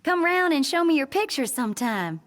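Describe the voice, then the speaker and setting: Cindy, perky Southern country gal. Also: female voice, high-pitched, sing-song, moderate pace. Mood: friendly, teasing. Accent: American Southern. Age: young adult. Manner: folksy, breezy, friendly drawl. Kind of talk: video game cutscene acting.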